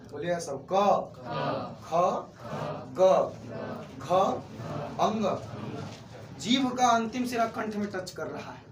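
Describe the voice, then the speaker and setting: A high-voiced man with a Bihari accent teaches a grammar lesson in a classroom, asking the class questions and answering them himself. The room echoes, he's far from the mic, and there's faint noise.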